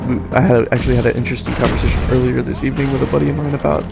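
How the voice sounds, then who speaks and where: A man in his twenties giving casual video game commentary, halting, stuttering and mumbling. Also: medium pitch, flat delivery, vocal fry, very noisy. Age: 20s. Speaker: gaming YouTuber doing commentary. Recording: voice over loud game gunfire.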